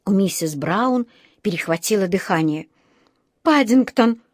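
A woman narrating a children's audiobook in a measured, expressive way. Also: medium pitch, no room sound, clean studio sound.

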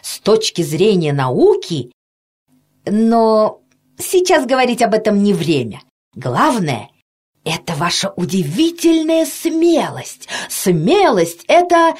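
A woman reading aloud gives voice to a kind, excitable children's doctor who bursts out in effusive exclamations. The voice is lowish and a little husky, with a lively, swooping pitch. It is a warm-hearted storybook figure rather than a deep character voice. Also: slow pace, heavily acted. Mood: enthusiastic. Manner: effusive, self-reproaching exclamations.

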